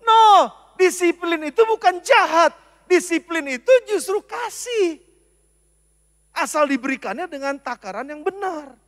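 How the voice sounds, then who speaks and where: High-voiced preaching man in reverberant hall. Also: measured pace. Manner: animated preaching, swinging from loud emphasis to soft asides. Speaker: pastor. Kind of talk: sermon. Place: church. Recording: long church hall reverb.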